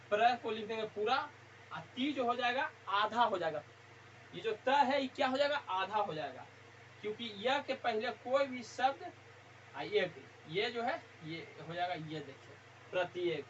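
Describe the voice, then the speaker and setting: A grammar teacher at a board in a warm room, who asks a question and then answers it, repeating each key point several times. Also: mid-range voice. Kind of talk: classroom board lesson. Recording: dull lo-fi sound with faint hiss.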